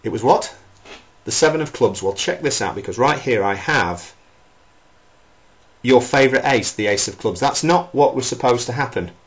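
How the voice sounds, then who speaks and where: A man's voice: medium pitch, lively intonation, moderate pace. A man performing as a theatrical card magician, talking a spectator through tricks with showy patter and repeated phrases for emphasis.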